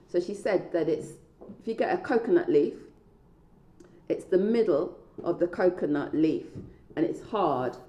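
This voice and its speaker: A woman's voice: on the low side, mellow. A middle-aged British woman giving a conversational, self-filmed talk as a knitter and researcher, recorded on an indoor staircase. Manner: conversational, playfully questioning herself. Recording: dull, echoey stairwell sound.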